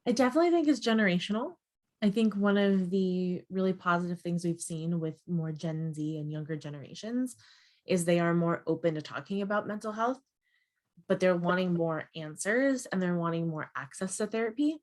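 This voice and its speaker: A young adult woman appears as a guest expert on mental health in a webinar conversation, explaining earnestly and often ending her points with "right?". Her voice is on the low side and a little mellow, with lively intonation and a moderate pace.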